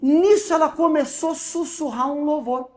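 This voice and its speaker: A man with a Brazilian Portuguese accent, a pastor telling a personal testimony in an interview, acting out the dialogue and swinging between loud and hushed. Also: very high voice, normal speed.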